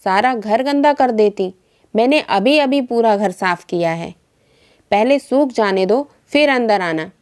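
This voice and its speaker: A woman's voice: fairly high pitch, measured pace, darkish tone, lightly acted. A woman voicing a curt, scornful daughter-in-law. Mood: irritated. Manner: curt and dismissive.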